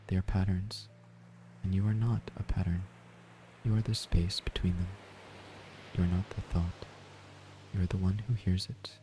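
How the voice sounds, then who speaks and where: A man gives a slow, soft-spoken guided sleep meditation in a gentle, breathy near-whisper. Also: low-pitched, a little hiss or hum. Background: ocean waves and gentle music.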